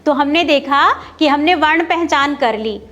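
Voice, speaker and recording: A woman primary school teacher leading a phonics lesson, calling out syllables slowly and clearly for children to repeat. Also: high-pitched, fairly bright tone, dull audio. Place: classroom with children.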